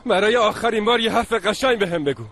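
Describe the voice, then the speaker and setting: A man's voice: sits high, lively intonation, fairly bright tone, faint music behind. A man voicing a resolute, doomed young husband. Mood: tender. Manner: urgent then tender, commanding. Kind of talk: Persian dub of a TV drama.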